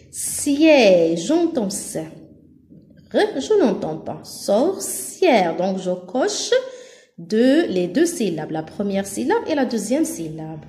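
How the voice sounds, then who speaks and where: Woman, schoolteacher for small kids: slow, clear, bouncy delivery, recorded in an echoey room. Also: mid-range voice, warm tone. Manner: slow, clear syllable-by-syllable teaching. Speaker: teacher. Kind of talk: first-grade lesson for children.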